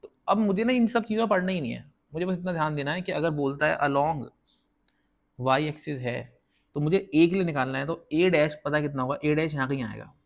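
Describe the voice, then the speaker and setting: A man's voice: a little high, creaky. A man teaching a casual whiteboard math lesson, explaining step by step and often checking that viewers follow. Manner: counts slowly while drawing.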